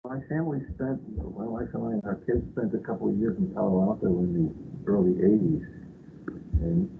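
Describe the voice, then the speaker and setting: A man's voice: lowish voice, fairly quick, gravelly. Older man muffled behind a face mask. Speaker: guest speaker at a colloquium. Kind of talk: informal autobiographical talk. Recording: muffled phone-like band, faint background noise.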